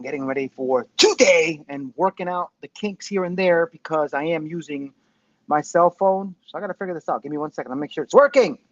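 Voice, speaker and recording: Speaking a little high, a man in his 50s rambles through a casual livestream for his commentary show, self-deprecating and foul-mouthed. The audio comes through a Bluetooth headset, tinny and dull, with no room sound.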